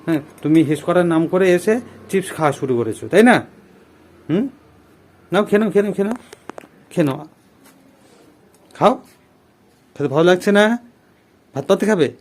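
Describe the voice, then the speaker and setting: A man playing a father in a family vlog, coaxing and gently lecturing his daughter. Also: sits high, animated, fairly quick, long pauses. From Bengal. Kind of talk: scripted family drama vlog.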